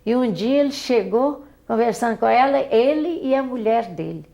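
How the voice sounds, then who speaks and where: Gravelly older Brazilian woman, halting. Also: a little high, expressive, warm tone, muffled recording. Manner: halting, repeats and restarts words. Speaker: interviewee, mother recalling her daughter. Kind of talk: oral history testimony.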